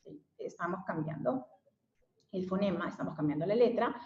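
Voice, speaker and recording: This special education teacher from Mexico has a warm, animated voice on the low side, speaking at normal speed. She explains her lesson with frequent fillers and tag questions, recorded with dull lo-fi sound in an echoey room.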